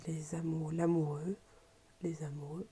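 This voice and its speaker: A woman's voice: deep voice, little pitch movement, unhurried, dark tone, breathy edge. A woman with a French accent casually presenting an unboxing as a reviewer, hesitant and often searching for her words. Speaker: tarot deck reviewer.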